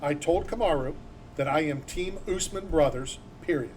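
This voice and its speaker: A man's voice: a little high, moderate pace, darkish tone, slight background noise. Opinionated male sports radio host. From born in Philadelphia. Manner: opinionated, emphatic, rambling. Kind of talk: casual sports talk.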